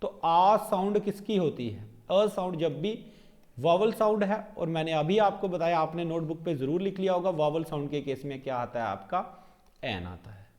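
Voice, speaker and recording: High-voiced man teaching grammar. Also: animated, darkish tone. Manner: checks in with "clear?" and "okay?" after each point; slows down to spell out example sentences. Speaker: exam coaching teacher. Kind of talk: Hindi-English grammar lesson.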